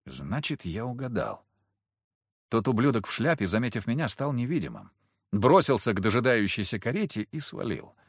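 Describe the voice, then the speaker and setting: A man's voice: medium pitch, sing-song, moderate pace, breathy edge, no room sound, clean studio sound. A man reading a first-person fantasy audiobook in terse, wry, clipped sentences. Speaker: audiobook narrator.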